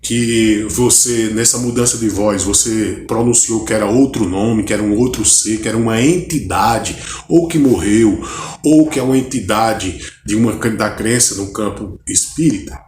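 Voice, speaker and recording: Halting Brazilian pastor in an echoey room. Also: male voice, on the low side, darkish tone, slight background noise. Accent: Brazilian Portuguese. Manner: unscripted, halting, often checks in with "né?" and "tá bom?"; poses long strings of direct questions to the viewer. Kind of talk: Bible study talk to camera.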